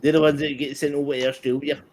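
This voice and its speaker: Blunt Scottish man with a halting delivery. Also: a little high, flat delivery, a little mellow, a little hiss or hum. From Scotland. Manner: blunt, halting, trails off and restarts. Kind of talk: casual group chat.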